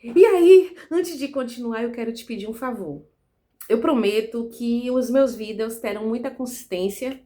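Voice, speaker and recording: A woman from Salvador, speaking in an earnest, measured way in a reflective monologue to camera, often tagging her sentences with "né". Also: fairly high pitch, dark tone. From Salvador, Bahia, Brazil. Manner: earnest, measured, frequent "né" tag questions. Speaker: self-development vlogger.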